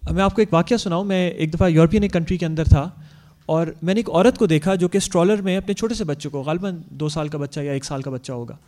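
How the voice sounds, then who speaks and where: High-voiced man giving earnest parenting advice. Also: darkish tone. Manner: earnest and explanatory, peppering speech with English words; acts out parents' quoted lines. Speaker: speaker on Islamic parenting.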